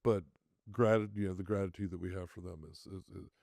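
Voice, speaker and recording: A middle-aged man, a guest on a podcast, talking casually with frequent halting repeats and restarts. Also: sits low, steady tone, vocal fry, mellow, dry recording, clean studio sound. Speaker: guest, festival owner. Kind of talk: casual conversation.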